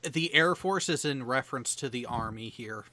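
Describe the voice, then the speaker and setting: A man's voice: mid-range voice, normal speed, sharp tone. A man in casual banter with other veterans, explaining things earnestly and in detail.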